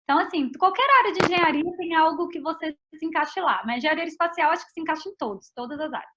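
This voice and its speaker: Chatty high-voiced Brazilian woman scientist. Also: fast, a bit bright. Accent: Brazilian Portuguese. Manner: chatty, frequent "tá?" and "né?" tags. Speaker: invited scientist speaker. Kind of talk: casual online talk and Q&A. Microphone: video call. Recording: dull lo-fi video call audio.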